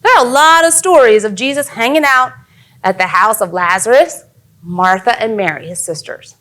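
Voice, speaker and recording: A woman's voice: on the high side, normal speed, a bit bright. A young adult woman giving a casual, earnest youth sermon as a youth pastor.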